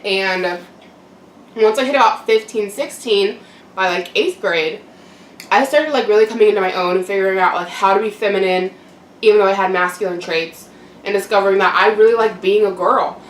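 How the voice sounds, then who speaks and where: A woman's voice: mid-range voice, moderate pace. Young woman vlogging, distant and echoey. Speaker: mukbang vlogger. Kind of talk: casual personal monologue to camera. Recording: roomy echo, distant mic, background noise.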